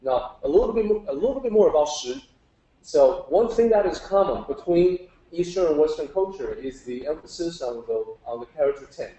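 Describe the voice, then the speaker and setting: His voice is fairly high, animated and mellow, at a moderate pace. As a teacher giving an informal lecture on Chinese characters, he explains things patiently, step by step, and asks the group questions, all captured in a reverberant live room.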